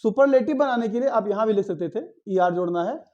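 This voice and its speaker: A man teaches a grammar lesson step by step, posing questions to his students and answering them himself. His voice is mellow, and the recording sounds slightly dull and lo-fi. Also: high-pitched, expressive, fast talker.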